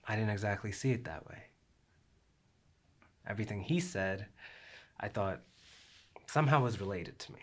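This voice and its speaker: A young man performing a reflective theatrical monologue, slow and measured, sinking at times to a near whisper. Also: on the low side, animated.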